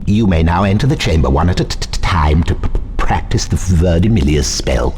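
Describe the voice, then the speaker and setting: An actor playing a timid wizard professor in a video game, stuttering heavily and speaking in a hesitant, halting way. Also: male voice, low-pitched, expressive, background noise. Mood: nervous, instructive. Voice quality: heavy stutter on consonants. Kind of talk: video game character acting.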